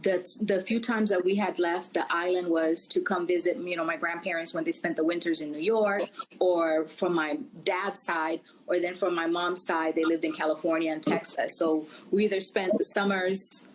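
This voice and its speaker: A middle-aged Puerto Rican woman, founder of a travel company, chats as a guest in a casual interview, filling her speech with "you know." Her voice is on the low side, steady and at normal speed. The rough recording carries faint background noise.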